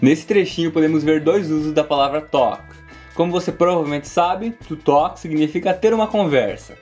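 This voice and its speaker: A man with a Brazilian Portuguese accent teaching English in a video lesson, explaining clearly and slowing down to model each word. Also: a little high, a little mellow, soft background music. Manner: clear, slows down to model words.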